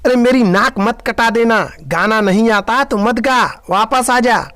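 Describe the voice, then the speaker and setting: A man voicing a stern, sharp-tongued elderly mother-in-law who scolds with shrill, shouted threats. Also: measured pace, dry recording, studio quality. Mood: scornful.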